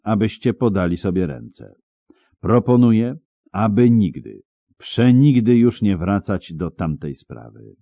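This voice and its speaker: A man's voice: fairly low pitch, lively intonation, measured pace, warm tone, no echo, pitched above the performer's own voice. A man voicing a composed male vampire who speaks coldly and formally in an audiobook. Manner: cold, level and formal. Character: cold composed male vampire, calm and measured. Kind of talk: audiobook character voice.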